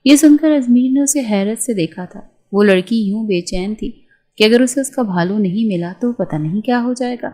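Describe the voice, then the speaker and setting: A woman narrating a romance novel in a steady, measured reading voice. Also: on the high side, low-quality recording. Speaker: storyteller.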